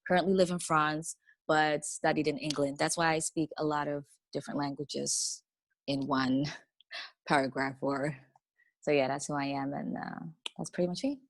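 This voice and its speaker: A woman's voice: low-pitched, fairly even intonation, moderate pace, dry recording. Upbeat woman from the Netherlands, dry sound. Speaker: panelist. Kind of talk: online panel introduction.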